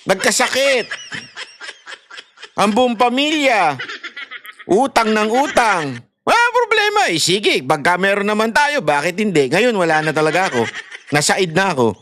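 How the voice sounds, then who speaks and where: A man's voice: sits high, big pitch swings, a little slow, pauses often, a bit bright, slight background noise. Laughing, cursing Filipino commentator man. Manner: heated, laughs often, swears, apologizes. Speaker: online commentator. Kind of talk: ranting commentary to viewers.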